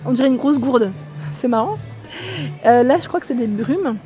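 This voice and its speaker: Her voice is warm, expressive and a little high, moving at a moderate pace, with a French accent. She's a haul vlogger casually touring a shop aisle, reading labels and prices and asking viewers questions while music plays behind her.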